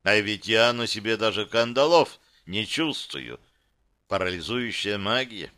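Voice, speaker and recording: A male audiobook narrator reading a fantasy story in the first person. His delivery is tense and terse, short clipped sentences in a bright, forward voice. The tone is smooth and clear throughout. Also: lowish voice, lively intonation, unhurried. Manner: tense, terse inner monologue.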